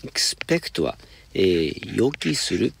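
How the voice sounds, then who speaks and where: Low gravelly Japanese male teacher. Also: very animated, noisy background. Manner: patient, explains step by step, reads English example sentences slowly. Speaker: high school English teacher. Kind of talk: homework explanation lesson.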